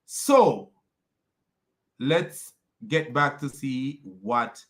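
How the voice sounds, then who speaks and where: A Jamaican man hosts a religious commentary video online, ranting in a mocking, scornful way and hurling repeated insults as he rambles and keeps restarting. His voice sits at medium pitch, expressive and a bit bright, delivered extremely slowly.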